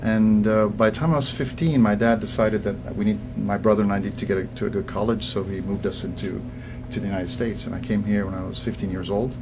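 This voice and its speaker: Older man from Egypt, low voice. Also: fast, background noise. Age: 60s. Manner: animated storyteller who repeats words when starting sentences. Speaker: guest business coach. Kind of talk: casual interview chat.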